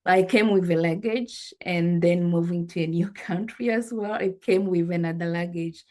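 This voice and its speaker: A woman in her forties from Rwanda, her voice dark and lowish with fairly even intonation, reflects earnestly on her life as an interview guest. She pauses often, using fillers.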